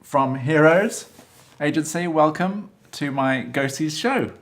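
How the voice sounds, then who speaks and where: A man's voice: fairly high pitch, takes it slowly. A man hosting an interview show, asking chatty and inquisitive questions with frequent interjections. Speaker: host, fashion photographer. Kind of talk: conversational interview.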